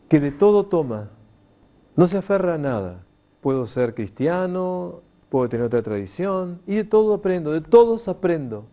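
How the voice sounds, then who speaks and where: A middle-aged man, giving an emphatic spoken lecture to an audience and acting out the quoted voices. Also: on the high side. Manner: warm, emphatic, animated teaching delivery with quoted voices. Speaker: lecturer on consciousness.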